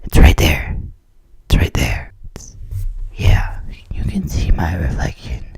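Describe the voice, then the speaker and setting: A woman's voice: a bass voice, huge pitch swings, takes it slowly, vocal fry, pitched below the performer's own voice, heavily acted. Woman doing a creepy close-mic whisper. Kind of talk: whispered role-play.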